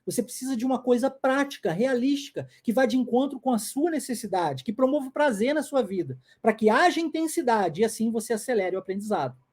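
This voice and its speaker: A man's voice: very high voice, lively intonation, fast talker, hardly any pauses, a little mellow, slightly rough. A man in his forties with a Brazilian Portuguese accent, an English teacher giving an insistent, emphatic video lesson and drilling English phrases by repeating them. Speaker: English teacher and language school founder.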